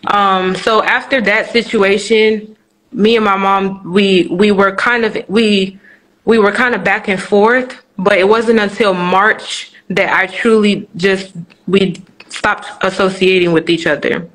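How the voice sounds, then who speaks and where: A woman's voice: medium pitch, fairly even intonation, a little slow, a bit bright, rough recording. A young woman from Nigeria, a guest on a live-streamed interview, recounts her story frankly. She talks in a plain, mid-height voice, often circling back and restarting sentences, and she pads her thoughts with fillers. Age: 20s.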